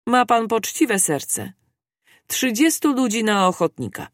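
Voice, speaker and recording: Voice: medium pitch, lively intonation, normal speed, no room sound, clean studio sound, natural voice. A reader voicing a dutiful army commander of a fort who speaks formally. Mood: formal firm.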